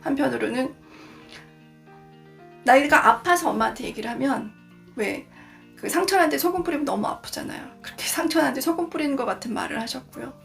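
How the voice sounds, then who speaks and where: A woman in her forties talks through a book on her channel, candid and confessional, sometimes acting out remembered dialogue. Her voice sits a little high, with a gravelly, creaky edge. Quiet music plays underneath. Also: lively intonation, brisk, long pauses. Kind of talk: casual reflective book talk. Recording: soft background music.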